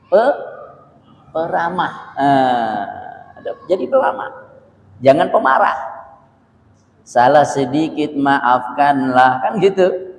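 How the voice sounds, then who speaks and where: A man's voice: mid-range voice, reverberant, big-room sound, slight background noise, poor audio. A man preaching a religious lecture in a conversational way, repeating phrases for emphasis and asking his listeners questions. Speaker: Islamic preacher.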